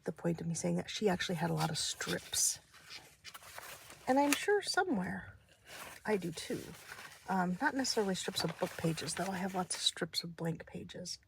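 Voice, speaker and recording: At her desk, a craft video host chats casually and thinks out loud in a fairly low, creaky, animated voice at a moderate pace. She sounds slightly stuffy and nasal, hesitating, meandering and cutting herself off, with a noisy background.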